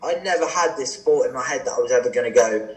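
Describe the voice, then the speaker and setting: A young man in his twenties chats casually as a podcast guest. He tells his stories with animation and acts out both sides of quoted exchanges. His mid-pitched voice carries a roomy echo. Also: fast talker. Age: 20s. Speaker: guest cricketer.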